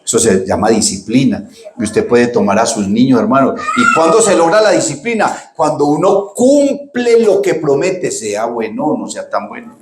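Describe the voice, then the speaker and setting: A man's voice: medium pitch, expressive, normal speed, roomy sound, noisy background. A middle-aged man preaching a sermon, talking to the congregation in a casual, chatty way and calling them brother. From Colombia. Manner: conversational preaching, addresses congregation as "hermano". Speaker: pastor.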